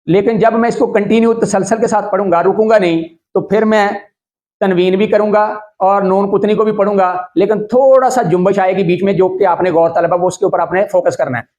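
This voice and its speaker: A man with a Pakistani Urdu accent teaching tajweed step by step, slowly chanting Arabic words syllable by syllable and checking that viewers follow. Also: high voice, steady tone, a little mellow. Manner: asks the viewer if it is clear. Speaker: Quran recitation teacher.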